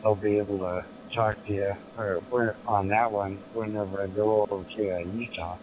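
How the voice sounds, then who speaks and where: Man, low voice, casual amateur radio chat, muffled two-way radio, faint background noise. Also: fairly even intonation, normal speed, a little mellow.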